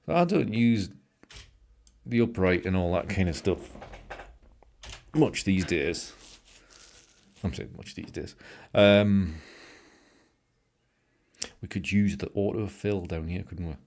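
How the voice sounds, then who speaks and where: Low-pitched and creaky, a little mellow, his voice moves slowly with frequent pauses. He's a middle-aged livestream host from Britain with a British English accent, editing photos in his home studio room while he jokes, greets viewers by name and seems a bit tired.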